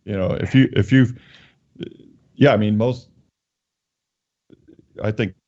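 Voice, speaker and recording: A man hosting a call-in conversation, talking in halting restarts while his call connection keeps breaking up. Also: fairly low pitch, a little mellow. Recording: dull lo-fi call audio.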